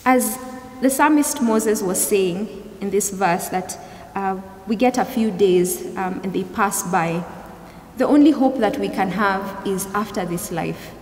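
A woman's voice: medium pitch, a little slow, a little mellow. Young woman preaching in an echoey hall. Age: young adult. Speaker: youth service preacher. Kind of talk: sermon. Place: large church hall, indoors. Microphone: gooseneck pulpit microphone. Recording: echoey hall, clear background noise.

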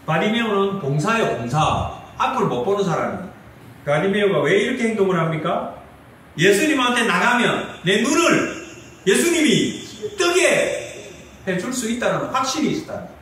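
High, animated preaching man in echoey hall. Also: normal speed, far from the mic, a little hiss or hum. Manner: lively preaching with rhetorical questions to the congregation. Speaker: pastor. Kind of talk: sermon. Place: church sanctuary. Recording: echoey hall, mic from afar.

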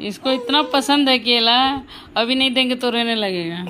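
A woman's voice: fairly high pitch, normal speed, sharp tone, a little hiss or hum, poor audio. A woman filming a casual home vlog of her baby, narrating to viewers and cooing in playful baby talk.

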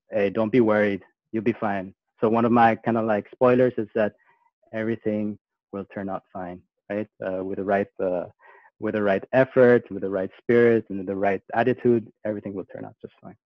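On muffled, dry video-call audio, a man born in Austria gives a casual talk as a guest speaker. His voice is on the low side, and he is hesitant, with lots of fillers and restarts.

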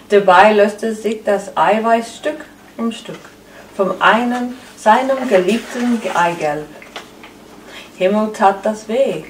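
A woman narrates a tale aloud at a very unhurried, deliberate pace. The room's echo hangs around her words, captured from a distance with a faint hiss underneath. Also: mid-range voice. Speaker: second story reader. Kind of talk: live storytelling reading. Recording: echoey room, far from the mic.

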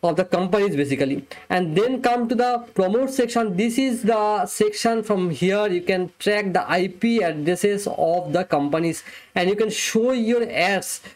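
Young man walking through a software demo. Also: high voice, normal speed. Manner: plain step-by-step explaining. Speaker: software reviewer. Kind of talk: screen-recorded software demo. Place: small indoor room, webcam overlay.

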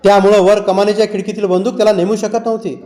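A man reading a novel aloud as an audiobook narrator, with steady, dramatic storytelling. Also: sits high, quick pace.

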